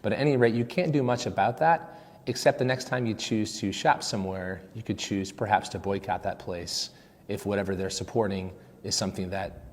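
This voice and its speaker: A man explaining in a measured way in a school news interview. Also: fairly low pitch, big-room sound. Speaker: interviewed teacher.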